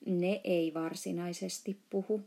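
A big, soft-hearted male giant from a storybook talks in a mellow, warm voice, as a woman reading aloud puts him on. He trips over his grammar and invents words of his own, and his voice stays gentle and unhurried. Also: fairly low pitch, fairly even intonation, close to an everyday voice. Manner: mangled grammar and made-up words.

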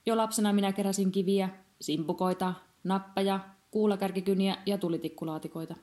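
A woman's voice: medium pitch, steady tone, mellow, close to an everyday voice. A woman doing a terse, fussy old-fashioned collector man. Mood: terse, eager. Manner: terse, sighing, fussy refusals. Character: gloomy eccentric male collector in a cloak.

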